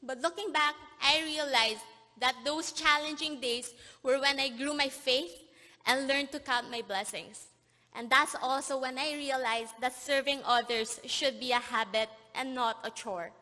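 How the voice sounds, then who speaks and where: A young woman delivers a commencement address in a high, bright voice. She is earnest and moved, at times pausing to steady herself. Her words carry a long echo through a big convention hall. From born in Korea, raised in the Philippines. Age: young adult. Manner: earnest, emotional, pausing and apologizing as she chokes up. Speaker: graduation speaker. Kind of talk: commencement speech. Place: large convention plenary hall.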